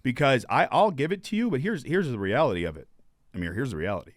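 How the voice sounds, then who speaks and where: A man's voice: mid-range voice, huge pitch swings, quick pace, no room sound, studio quality. A man hosting a casual podcast chat, talking with emphasis and repeating phrases to drive his points home. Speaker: podcast host. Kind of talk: casual conversation.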